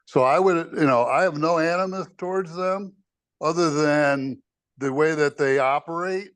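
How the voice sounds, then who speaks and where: A man's voice: fairly high pitch, moderate pace, smooth. A man in a public committee meeting on a video call, bluntly and firmly stating his objection. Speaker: committee member.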